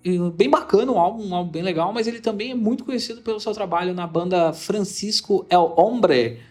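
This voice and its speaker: A man's voice: high-pitched, brisk, faint music behind. A man with a Brazilian Portuguese accent hosting an interview podcast, talking in an enthusiastic, rambling way. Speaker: podcast host. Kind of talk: casual interview intro.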